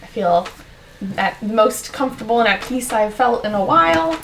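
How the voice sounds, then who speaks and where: A woman's voice: fairly high pitch, animated, normal speed, gravelly. A woman playing a tabletop game, chatting in character in a playful, giggly way. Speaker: player. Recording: echoey room, mic at a distance, faint noise.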